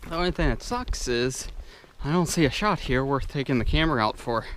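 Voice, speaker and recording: A man giving a casual vlog commentary outdoors beside a rushing river, thinking aloud as he talks to his camera. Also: mid-range voice, lively intonation. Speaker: vlogger and landscape photographer. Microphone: handheld phone or action camera. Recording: noisy outdoor audio with loud rushing water. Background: rushing river and waterfall noise.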